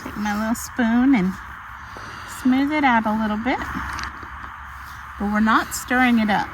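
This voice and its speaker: A woman's voice: a little high, a little slow. A middle-aged woman with an Arkansas Southern accent, chatting casually and folksily as she demonstrates outdoor cooking. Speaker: outdoor cooking vlog host. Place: outdoors in snowy cold. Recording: noisy outdoor camera audio.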